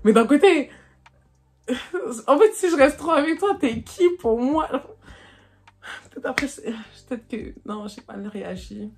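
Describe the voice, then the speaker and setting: A woman's voice: high voice, a little slow, pauses often. A young woman telling a personal story to her followers in a casual, chatty way, peppered with slang fillers and laughter. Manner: animated, laughs while telling. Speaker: vlogger.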